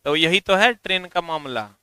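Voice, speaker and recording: A man's voice: fairly high pitch, animated, normal speed, sharp tone, clean tone, no room sound. A man teaching a physics class, teasing his students and drilling them with repeated chants.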